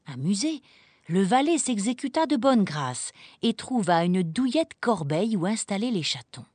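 A woman narrating a children's storybook, reading in an expressive, animated way. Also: mid-range voice, moderate pace.

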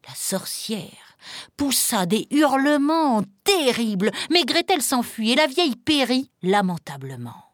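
A woman narrating a fairy tale in a calm, measured reading with dramatic pauses. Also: on the high side. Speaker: storyteller.

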